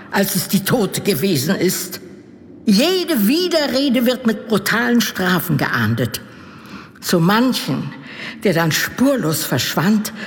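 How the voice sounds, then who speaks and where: An actress playing a devoted, superstitious castle nurse, imploring and solemn in archaic speech, in a gothic audio drama. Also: female voice, medium pitch. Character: fearful, pleading old-fashioned castle nurse, devoted and superstitious. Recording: long reverberant hall.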